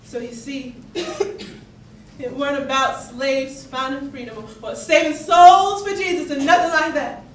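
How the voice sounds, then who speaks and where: Far from the microphone, a woman with a voice that sits high performs a theatrical monologue on an indoor stage, playing an earnest young enslaved woman of the 19th-century American South. Bitter and plaintive, she tells her story in a Southern accent with folksy, emphatic, halting delivery and dramatic swells; the sound is echoey and noisy.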